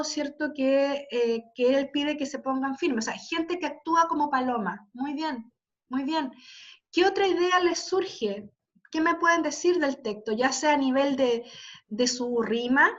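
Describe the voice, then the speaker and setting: A woman teacher with a high voice leads an online class over dull, lo-fi video call audio. She explains patiently, point by point, and keeps checking with quick tag questions that everyone is following. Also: a bit bright. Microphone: computer mic on a video call.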